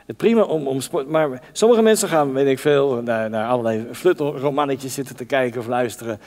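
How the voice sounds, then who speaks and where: A man's voice: mid-range voice, fairly quick, darkish tone. A man preaching a conversational sermon, talking directly to the congregation and acting out the Bible voices. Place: church hall. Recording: long church reverb.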